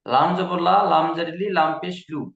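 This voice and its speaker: A man's voice: a little high, fairly quick, vocal fry, fairly bright tone, highs cut off. A man teaching a Quran recitation class, patiently drilling each letter sound and repeating syllables. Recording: echoey room.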